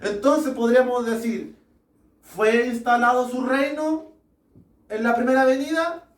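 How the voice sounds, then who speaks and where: A man preaching a sermon to a small congregation, slow and deliberate, putting rhetorical questions to his listeners. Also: extremely high pitch, steady tone. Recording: echoey room, mic far off.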